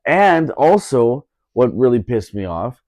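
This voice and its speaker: A man's voice: mid-range voice, very animated, slow pace, a little mellow, no echo. A man telling a story in a casual podcast chat, indignant, repeating himself with lots of fillers.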